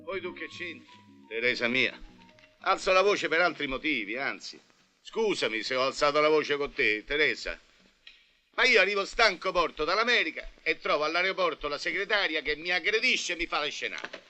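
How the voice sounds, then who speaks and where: A whiny middle-aged macho businessman from Rome in a film comedy. His bright, lively voice sits a little high as he wheedles and complains, with faint score underneath. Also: normal speed, faint music behind. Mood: plaintive. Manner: plaintive, wheedling, then blustering. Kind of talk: 1980 film comedy acting.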